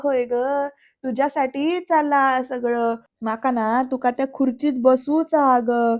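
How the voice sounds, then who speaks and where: A scheming middle-aged uncle who plots and bursts out in loud exclamations, as a woman narrator puts him on. The voice stays fairly high and flat, and the recording sounds slightly dull. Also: takes it slowly.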